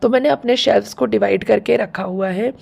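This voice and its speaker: A woman with a sore, hoarse throat chatting casually through a home vlog, explaining things step by step. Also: medium pitch, a little fast, a little mellow. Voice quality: gravelly, husky. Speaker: home vlogger.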